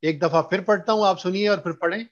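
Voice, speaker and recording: A man teaching a recitation class, explaining in Hindustani mixed with English and slowly chanting drawn-out verses for students to repeat. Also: high-pitched, dull audio. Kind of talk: online recitation lesson.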